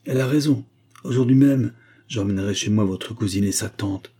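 A man's voice: fairly low pitch, normal speed, mellow, husky. Man voicing a firm older nobleman. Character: authoritative older Venetian nobleman. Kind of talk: audiobook reading.

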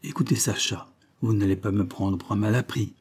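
A man's voice: on the low side, steady tone, a little fast, a little mellow, breathy edge. A man voicing a phlegmatic Englishman, blunt and ill at ease, stammering at times in a storybook reading.

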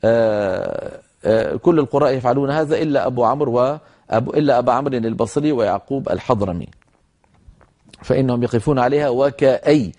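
In a broadcast lesson, a man teaches the rules of Quran recitation, explaining in a measured manner, slowly modeling recited words and calling his listeners brothers. His mid-range voice has lively intonation and a darkish tone.

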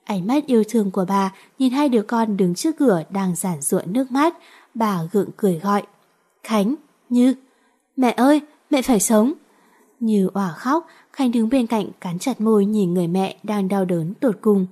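A woman narrating a romance novel in a steady, even storytelling manner. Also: medium pitch, fairly quick, breathy edge. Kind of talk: audiobook reading of a romance novel.

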